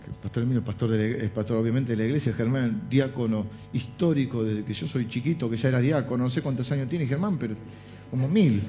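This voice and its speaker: A man's voice: medium pitch, fast talker. A middle-aged man with a Rioplatense Spanish accent, preaching in a church and telling humorous stories with jokes and asides. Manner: animated storytelling with jokes and asides. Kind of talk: humorous sermon anecdotes. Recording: dull lo-fi sound with faint music.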